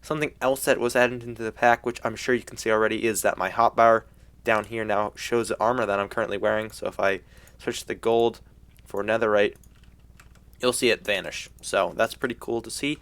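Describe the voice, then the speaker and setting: A young man with a fairly low voice narrates his gameplay casually. He talks like a frat bro, with loose slang and easy excitement. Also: brisk, clean tone. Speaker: gaming video host.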